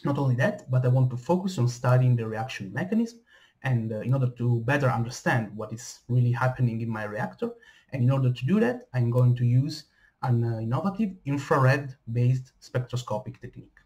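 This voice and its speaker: Lively young man introducing his research. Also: medium pitch, brisk. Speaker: PhD researcher. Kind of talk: scripted self-introduction. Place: indoor room, webcam framing.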